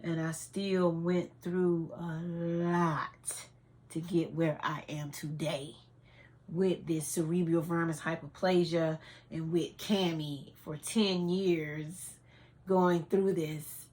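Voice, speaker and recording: A woman's voice: on the low side, level tone, slow pace, a little mellow. A woman, giving a heartfelt, tearful personal testimony full of fillers. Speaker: vlogger. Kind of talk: emotional personal storytelling.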